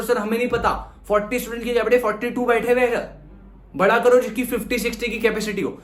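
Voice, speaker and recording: A young man teaching economics in a lively lecture style, asking and answering his own questions and acting out students' questions. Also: very high voice, reverberant. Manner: plays student voices asking "sir". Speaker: economics tutor. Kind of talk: classroom lecture.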